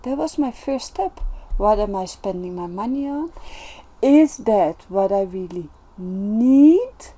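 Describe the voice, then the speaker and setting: In a slow-paced vlog, a woman who makes self-development content shares personal reflections in a mid-range, soft, mellow voice with lively intonation. Her earnest, gentle delivery is full of pauses and restarts while she gathers her thinking.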